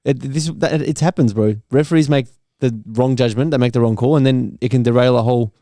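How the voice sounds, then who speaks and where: A man's voice: mid-range voice, brisk, mellow, dry recording. An Australian man co-hosting a casual football podcast, blunt and slangy, on a close studio mic. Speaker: podcast co-host.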